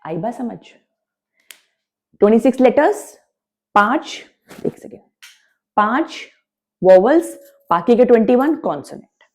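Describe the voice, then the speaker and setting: Slow, emphatic woman teaching English grammar. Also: on the high side, big pitch swings, a little mellow. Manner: repeats points emphatically, drills sounds aloud; mixes Hindi with English words. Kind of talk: classroom-style grammar lesson.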